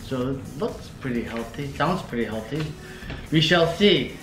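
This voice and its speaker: A man's voice: mid-range voice, lively intonation, measured pace. A man joining a casual vlog as a co-host friend, easygoing as he reads facts aloud. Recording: echoey room with faint music.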